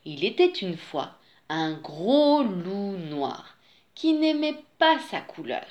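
Female storyteller for a children's book, unhurried delivery with a lively, sing-song voice. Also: medium pitch, lo-fi sound. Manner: slow, expressive read-aloud. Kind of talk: reading a children's picture book aloud.

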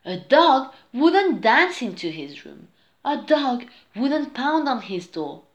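Slow, animated woman reading a storybook. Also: high-pitched. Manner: slow, expressive, singsong storytelling. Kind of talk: children's storybook read-aloud.

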